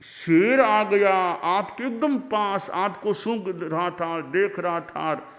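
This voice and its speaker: A man's voice: fairly high pitch, expressive, unhurried. A man voicing a teenage boy disciple who is eager and a bit cheeky, speaking in an earnest, pleading way. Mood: teasing. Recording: long hall reverb.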